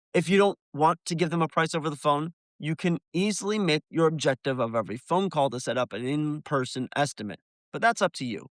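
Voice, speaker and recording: Here the window cleaner's voice sits on the high side and sounds a bit bright, recorded dry. He presents his business tutorial to viewers, speaking to them directly and going step by step.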